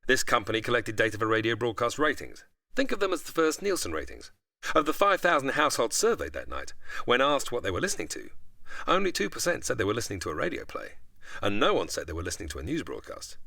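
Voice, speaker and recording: This man's mid-range voice swoops wildly in pitch, and he speaks quickly with a creaky, sharp tone. As an expert guest in an explanatory interview, he delivers prepared, articulate narration like a storyteller. The studio recording is clean with no echo.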